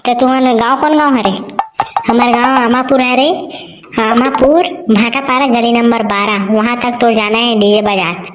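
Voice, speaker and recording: Chhattisgarhi-accented voice in rough comic banter. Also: female voice, a little high, steady tone, a little slow, over music. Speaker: cartoon voice artist. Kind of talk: comic cartoon dialogue.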